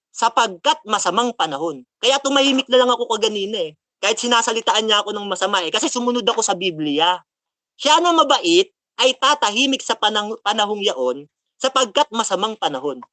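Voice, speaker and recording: A man's voice: very high voice, pushed and bright, dry recording. A man giving a heated rant after a religious debate, mocking his opponent and quoting scripture between jabs. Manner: taunting, mocking, quotes Bible verses, laughs at opponent. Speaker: preacher speaking after a debate.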